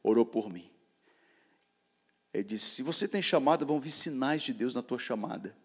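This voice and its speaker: Brazilian guy preaching to youth, repeats lines, calls out to the crowd, goes loud then quiet. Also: medium pitch, lively intonation, normal speed, slightly rough. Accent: Brazilian Portuguese. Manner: emphatic, repetitive call-and-response, swings from loud to soft. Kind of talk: sermon.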